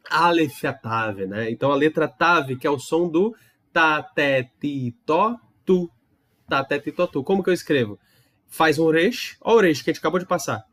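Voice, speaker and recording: A man with a slightly raised pitch talks students through an online language lesson. He explains patiently, sounds things out slowly and keeps asking if they follow. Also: a bit bright. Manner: explains patiently with many tag questions and demonstrations. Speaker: Hebrew teacher.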